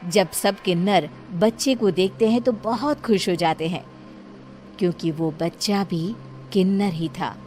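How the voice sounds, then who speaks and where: A woman narrates a scripted tale in a mid-pitched voice. She serves as storyteller while music plays clearly behind her. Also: measured pace, a little mellow.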